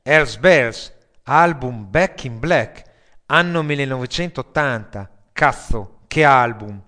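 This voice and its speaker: A man voicing a crude, joking male newsagent who loves rock, talking in loud banter. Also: mid-range voice, expressive, slow.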